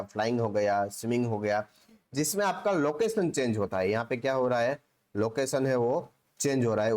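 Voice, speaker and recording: A man's voice: mid-range voice, a little mellow. Man teaching biology in Hinglish. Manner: asks rhetorical questions and answers them himself; repetitive, with frequent "theek hai". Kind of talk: Hinglish classroom lecture.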